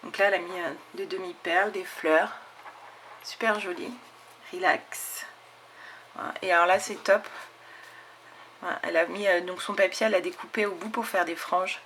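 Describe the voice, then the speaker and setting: This woman's voice sits on the low side, with fairly even intonation, normal speed, long pauses, and a slightly bright quality over a faint hiss or hum. Hosting her scrapbooking channel, she happily presents craft mail to viewers in a chatty, enthusiastic way, dropping lots of fillers and "hop".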